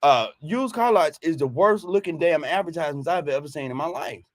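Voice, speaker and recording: A man's voice: on the high side, brisk, no room sound. A man co-hosting a business talk show, chatting casually and animatedly, laughing often and repeating words as he gets going.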